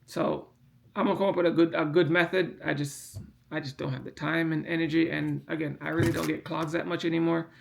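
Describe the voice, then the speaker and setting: Fairly quick and creaky, this man's high-leaning voice shows little pitch movement. Yawning from medication, the hobbyist casually handles and explains a printer part in a hands-on repair demo, rambling, repeating himself, and stressing what's important.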